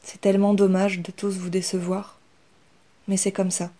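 A woman voicing a calm, self-assured young rat girl. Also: medium pitch, normal speed, lightly acted. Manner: calm, steady.

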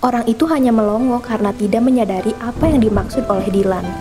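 A young woman reading a novel aloud with lively, expressive storytelling. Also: on the high side, fast talker. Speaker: book reader. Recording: soft background music.

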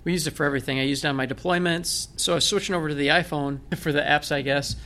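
This guest, a blind veteran of the military from Michigan, talks fast in a fairly high, bright and forceful voice whose intonation stays fairly even. His Northern Michigan accent comes through as he recounts his life in a conversational interview, cracking jokes at his own expense.

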